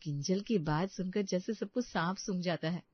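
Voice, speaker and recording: A woman narrating a family story in a calm, even voice, in a dull, dry recording. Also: fairly low pitch, moderate pace, husky, no room sound.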